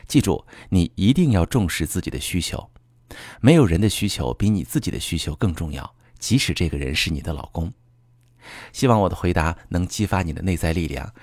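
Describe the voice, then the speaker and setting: Deep-voiced man giving relationship advice. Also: no echo, studio quality. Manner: calm, coaching, addresses listener directly. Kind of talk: scripted advice talk.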